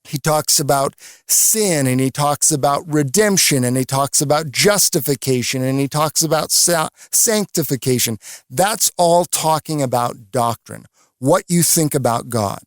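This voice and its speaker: A man's voice: fairly high pitch, measured pace, no echo, studio quality. A man giving a radio devotional Bible teaching, explaining scripture earnestly with stories.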